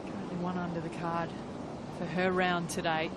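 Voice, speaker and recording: A woman's voice: lowish voice, level tone, normal speed. A woman working as a golf commentator, giving conversational live television commentary on tournament play. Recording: clear outdoor course ambience noise. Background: outdoor ambience.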